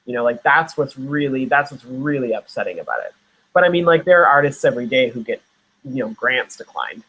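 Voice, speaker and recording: Husky young man chatting loosely. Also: mid-range voice, expressive, fairly quick, sharp tone, poor audio. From Nova Scotia, Canada. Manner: rambling, many fillers and restarts. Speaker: actor guest. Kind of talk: casual interview chat.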